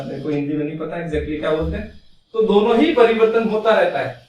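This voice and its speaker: A man teaching civil engineering at a whiteboard, asking questions and answering them himself, and encouraging his students. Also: sits high. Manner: encouraging, addresses students as brother. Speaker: civil engineering exam tutor. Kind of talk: whiteboard lecture. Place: classroom with a whiteboard. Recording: very echoey room, mic far from speaker.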